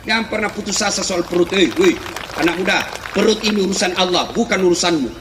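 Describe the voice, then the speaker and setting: A middle-aged man preaching a comic sermon, animated, often shouting and laughing through his punchlines. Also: high voice, quick pace. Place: large hall with a live audience. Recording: echoey hall, faint crowd and noise.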